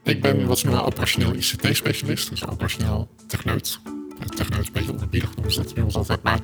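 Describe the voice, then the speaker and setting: A man's voice: mid-range voice, steady tone, creaky, music in the background. Man with a distorted, disguised voice. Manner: halting, with frequent restarts and fillers. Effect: voice electronically distorted to disguise identity. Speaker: technical specialist interviewed anonymously. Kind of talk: interview answers.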